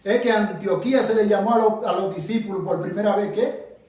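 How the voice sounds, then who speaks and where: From a distance in an echoey room comes a high, brisk, darkish voice belonging to a Bible teacher from the Dominican Republic. He runs an interactive study with a Dominican Spanish accent, querying his group and hammering his points emphatically.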